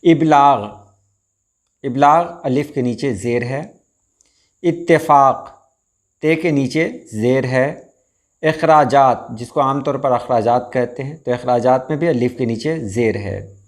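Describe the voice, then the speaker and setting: Slow, careful male Urdu teacher. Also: mid-range voice. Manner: measured, stresses each word before spelling out its diacritics. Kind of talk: slow explanatory lesson.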